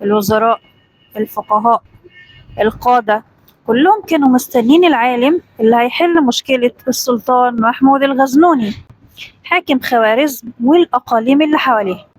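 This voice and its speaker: A woman with an Egyptian Arabic accent narrating a summarized children's story in a lively, brisk way. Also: fairly high pitch, no echo, poor audio. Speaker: storyteller, parenting channel host.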